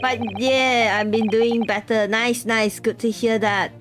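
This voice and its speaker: A woman streamer chats casually with her viewers in an unhurried way. Her voice sits fairly high, and game music plays clearly behind her. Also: steady tone, a bit bright. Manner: chatty, talks to her chat while reading.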